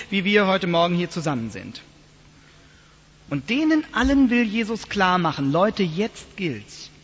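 A man preaching a sermon to his congregation in a church, telling stories in a lively, animated way. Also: high voice, husky. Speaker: pastor. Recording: dull lo-fi sound, long church reverb.

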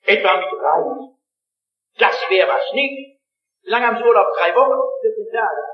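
A man's voice: sits high, lively intonation, normal speed. A man with a Swabian accent preaching a sermon, impassioned and emphatic, speaking straight to his listeners. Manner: addresses listeners directly. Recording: roomy, slightly dull old recording.

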